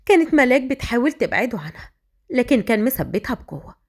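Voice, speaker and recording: A woman with an Egyptian accent narrating a romance story in a brisk, dramatic manner. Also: fairly high pitch, very animated. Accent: Egyptian Arabic.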